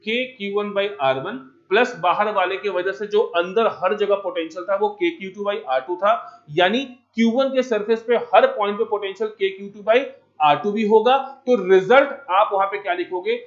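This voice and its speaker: A man teaching physics in an empty classroom, energetic and coaxing, mixing English terms into Hindi and pressing students to answer. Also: high voice, normal speed, dull audio.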